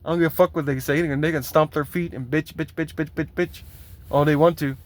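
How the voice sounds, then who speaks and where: A fed-up truck driver venting on camera, his voice sitting a touch higher than most men's. He rambles and repeats himself, swearing constantly as he complains in a loose, unscripted way. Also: steady tone, fast talker. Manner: heavily profane, aggravated complaining. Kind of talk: venting vlog rant.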